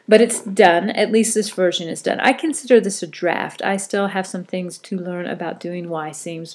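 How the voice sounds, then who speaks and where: Her nose blocked by a cold, a middle-aged podcast host chats on her own in a loose, rambling manner, often going back to correct herself. The voice sits at medium pitch and sounds a little mellow.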